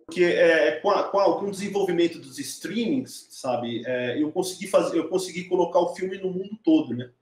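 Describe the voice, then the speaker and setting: A middle-aged filmmaker recounts his story in a loose, animated way, often tossing tag questions at his listener. His voice sits a little high for a man. The room around him is echoey and hollow. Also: a little fast, hardly any pauses. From Diadema, São Paulo, Brazil. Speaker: documentary filmmaker, guest. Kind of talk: casual storytelling interview.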